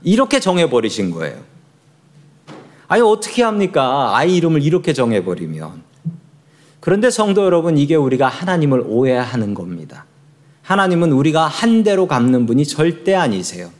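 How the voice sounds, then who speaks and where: A man preaching a sermon as a pastor, telling the story with lively, conversational delivery and acting out the figures. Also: a little high, moderate pace. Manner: lively storytelling, acts out voices of biblical figures.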